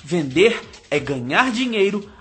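A man's voice: high-pitched, sing-song, measured pace, faint music behind. A Brazilian man presenting a scripted advice segment as a radio host.

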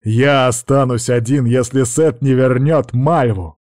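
A man's voice: mid-range voice, unhurried, a little mellow, no echo, studio quality, natural voice. A man voicing a hot-tempered lord of the djinn who speaks in desperate, pleading outbursts.

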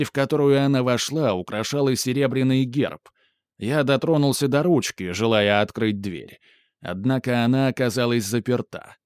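A man narrating a first-person story in a calm, matter-of-fact, slightly smug manner. His voice sits at an ordinary middle pitch. The recording is dry and close, with no room echo. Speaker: audiobook narrator.

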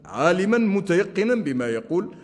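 A male Islamic scholar gives a religious lesson, speaking deliberately and slowing down to demonstrate chanted phrases. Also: high-pitched, sing-song. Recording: long hall reverb.

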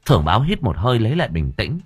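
A man narrating an audio story in a vivid, expressive way. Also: fairly low pitch, racing, breathy edge, faint music behind.

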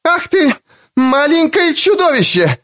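Man doing an enraged, distraught mother, high and shaking, for an audiobook. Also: sing-song, a little slow, fairly bright tone, heavily acted. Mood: furious. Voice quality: high strained trembling voice. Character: furious shrill distraught adult mother. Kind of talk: audiobook character voice.

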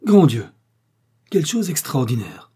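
A man reading an audiobook aloud and voicing a fierce, domineering brigand baronet who barks impatient questions, in a husky, dark voice. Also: mid-range voice, animated, moderate pace. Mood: shocked. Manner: harsh, impatient, barking questions.

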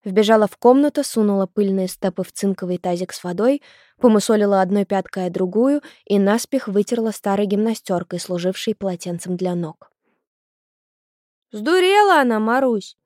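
A woman's voice: mid-range voice, a little fast, dark tone, no room sound. Woman narrating an audiobook, dry close sound.

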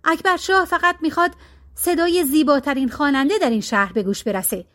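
A woman's voice: high voice, a bit bright. Woman voicing a bossy palace guard chief, male, scolds the crowd in a raised voice; audiobook tale. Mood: stern. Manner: harsh, scolding.

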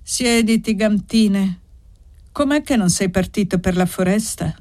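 A woman's voice: medium pitch, measured pace, darkish tone, no echo, studio quality, lightly acted. A woman voicing an anxious, evasive old village woman in an audiobook, by turns ironic and pleading.

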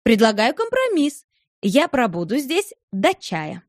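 A woman's voice: fairly high pitch, wildly swooping pitch, a little slow, dry recording, studio quality. A woman reading an audiobook, voicing a capricious young wife who pleads and reproaches in a raised voice. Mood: playful, pleading. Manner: pleading, reproachful, playful turning angry. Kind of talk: audiobook character voice.

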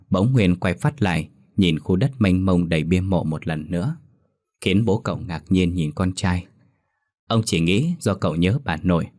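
Deep-voiced man narrating a horror story. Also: darkish tone, no echo, clean studio sound.

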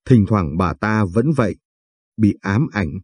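A man reading the lines of a calm, kind female doctor who reassures her patient gently. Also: fairly low pitch, unhurried, slightly rough, dry recording, studio quality. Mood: reassuring.

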